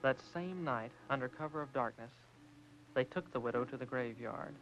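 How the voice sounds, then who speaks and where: A man narrating a film in a measured, grave storytelling manner. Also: mid-range voice, fairly bright tone. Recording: dull lo-fi film soundtrack with music.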